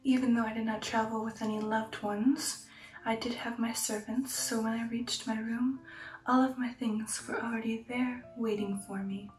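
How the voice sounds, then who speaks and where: A woman voices a female vampire noblewoman, poised and sensual, telling of her past in a whispered, soft-spoken ASMR roleplay with a hushed, reminiscing mood. The breathy voice is fairly high and even, with little pitch movement, genteel poise and slow, sensual pauses, close to an everyday voice. The mic is distant, and music plays behind her in a roomy echo.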